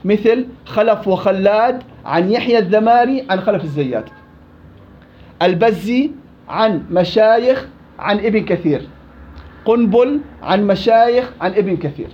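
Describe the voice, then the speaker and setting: Man, high voice, questioning teacher, dull lo-fi classroom recording. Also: lively intonation, moderate pace. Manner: questioning, explains with examples and quoted verses. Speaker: Quran recitation teacher. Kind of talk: classroom lesson with questions to students.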